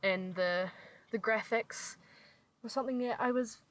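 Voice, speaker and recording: A woman reviewing a film in casual podcast chat, animated and emphatic, swearing when frustrated. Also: a little high, a little slow, dry recording, poor audio. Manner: animated and emphatic, swears, frank about her fears. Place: inside a car.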